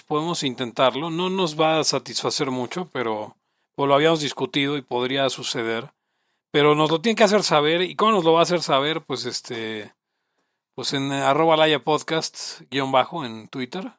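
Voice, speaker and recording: A Mexican man hosting a casual podcast, chatty and loose as he riffs on listener questions. His voice sits a little high and sounds close and dry. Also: expressive, normal speed, fairly bright tone, no echo. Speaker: podcast host. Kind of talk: casual chat.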